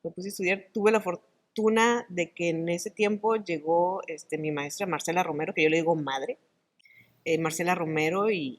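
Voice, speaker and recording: A middle-aged woman, an actress and oral storyteller, talking in an interview in an animated, expressive way. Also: fairly low pitch. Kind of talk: conversational interview.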